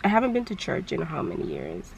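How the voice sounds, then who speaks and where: A young woman vlogging casually from her car, with a low, nasal morning voice and a chatty, candid manner. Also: huge pitch swings, fast, gravelly, very noisy. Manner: chatty, candid, laughs easily. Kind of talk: casual vlog chat.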